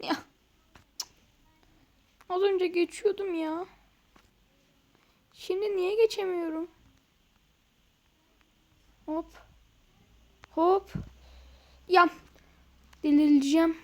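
Young woman gaming, high voice, slow drawn-out talk, mutters and goes bam bam. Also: gravelly. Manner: frustrated muttering, playful sound effects. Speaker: gaming video creator. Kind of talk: casual gameplay commentary.

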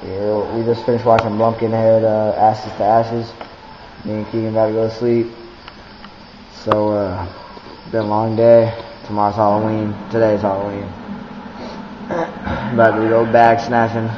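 A man's voice: lowish voice, level tone, measured pace, long pauses, muffled recording. A teenage young man chatting casually in a slangy, profane way to a handheld camera. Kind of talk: casual vlog chat. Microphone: handheld camera close by. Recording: noisy handheld camera recording.

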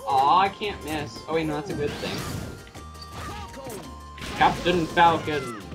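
A man hosting a casual online game session with friends, joking around and commenting on the match. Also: on the high side. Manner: playful, jokey, quick asides. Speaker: gaming channel host. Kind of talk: casual gameplay chat. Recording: game music playing underneath.

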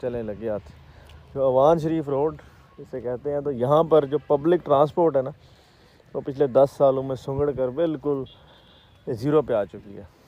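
A man's voice: medium pitch, moderate pace, muffled recording. A man in his thirties with a Pakistani Punjabi accent, chatting and explaining as he walks through farm fields, filmed on a phone at arm's length. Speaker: real estate vlogger. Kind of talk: walking vlog with commentary. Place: outdoors in open farm fields. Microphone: phone camera held at arm's length.

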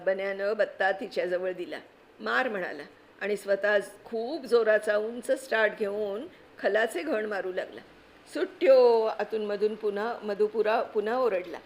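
A woman giving an expressive, vivid reading of a story aloud. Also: mid-range voice, a little hiss or hum. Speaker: story reader.

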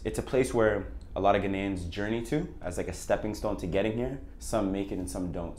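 A young man with a very deep voice talks easily and emphatically, often circling back to repeat his point. His voice echoes around the room, and faint noise hums behind him. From Canada. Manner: relaxed, emphatic, repeats key phrases. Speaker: guest rapper. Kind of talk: casual interview answers. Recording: roomy echo, faint background noise.

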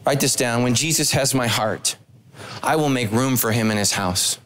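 A middle-aged man, a pastor, preaching a sermon on a large church stage into a handheld microphone, telling stories with humorous asides. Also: moderate pace. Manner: animated storytelling with humorous asides, pitch swinging widely.

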